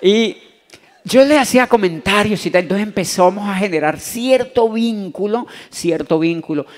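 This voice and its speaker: A man from Latin America telling an animated personal story to a convention audience, acting out the voices in it. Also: high voice, normal speed. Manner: animated, acts out voices in his anecdotes. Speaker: motivational speaker. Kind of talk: storytelling talk to a live audience. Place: convention hall.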